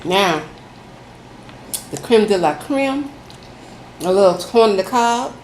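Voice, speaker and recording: A woman's voice: medium pitch, expressive, slow pace, a little mellow. A woman food vlogger chatting casually to viewers over a meal in a folksy way, saying y'all. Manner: folksy, addresses listeners as y'all. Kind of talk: casual chatty mukbang, talking to viewers while eating. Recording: echoey room, faint background noise.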